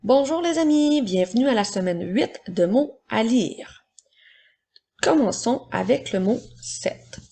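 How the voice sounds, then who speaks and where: A woman teacher with a husky, slightly gravelly voice reads words aloud at an unhurried pace for a children's dictation. She explains each step with patience, as if to first graders. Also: fairly high pitch, animated, dark tone. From Quebec, Canada. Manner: slow, patient, explaining step by step to young pupils. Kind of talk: recorded spelling and dictation lesson for children.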